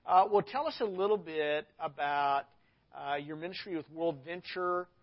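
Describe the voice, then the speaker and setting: A pastor from Arkansas hosts a casual interview, rambling and restarting as he talks. His voice is fairly high and moderately paced, captured in dull lo-fi audio.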